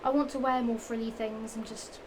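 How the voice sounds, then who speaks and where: At a moderate pace, a young Englishwoman with a Norfolk accent speaks in a slightly mellow voice on the high side, with little pitch movement and a little strain from the heat. She chats about shoes in a casual vlog show-and-tell, rambling and repeating herself with giggles, fillers and restarts. The home recording is noisy.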